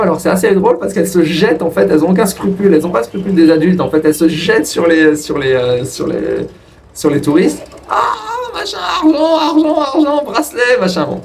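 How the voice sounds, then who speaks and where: A man casually telling a personal story to his viewers in a rambling way, with frequent restarts. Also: creaky. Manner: rambling, restarts, lively pitch jumps. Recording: distant from the mic with faint ambient noise.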